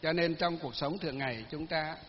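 High-voiced monk giving a folksy sermon. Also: male voice, a little fast, slight background noise. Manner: folksy storytelling, many fillers, laughs at own tales. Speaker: Buddhist monk. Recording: lo-fi recording with long hall reverb.

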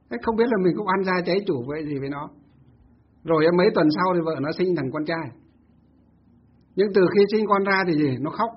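A man's voice: sits high, breathy edge, highs cut off. A Buddhist monk telling a story in a Dharma talk, asking himself rhetorical questions as he goes.

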